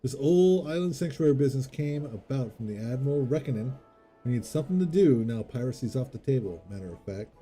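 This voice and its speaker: A man voicing a gruff old male pirate ferryman in a game, drawling in sailor talk. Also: mid-range voice, expressive, brisk, warm tone, soft background music, close to an everyday voice.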